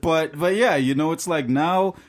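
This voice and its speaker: A man's voice: fairly high pitch, moderate pace, crowd noise. A young man from Trinidad co-hosting a casual podcast, upbeat and rambling, laughing often. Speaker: podcast co-host.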